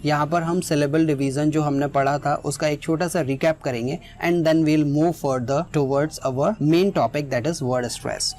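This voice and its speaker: A woman's voice: low voice, steady tone, slow, few pauses, a little mellow, faint music behind. A woman teaching English pronunciation, explaining step by step and mixing in English phrases. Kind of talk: spoken lesson with examples.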